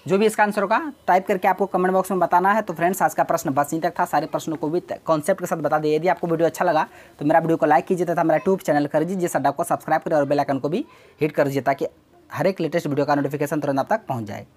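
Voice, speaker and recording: A woman's voice: low-pitched, steady tone, racing, a little mellow. A woman teaching an exam-prep grammar lesson, explaining step by step and repeating key words.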